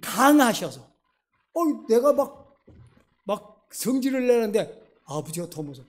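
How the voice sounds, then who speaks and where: A male pastor preaching in church with a mellow, darker voice. His style is conversational and animated, and he keeps turning to the congregation with questions. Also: high voice, unhurried. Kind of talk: sermon.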